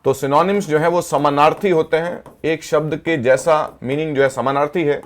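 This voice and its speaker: Man, vocabulary teacher, slightly high voice, Hindi explanations, slow English definitions. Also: fairly even intonation. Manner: explains each word, then repeats it as a question to the class. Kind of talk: explaining word meanings in Hindi.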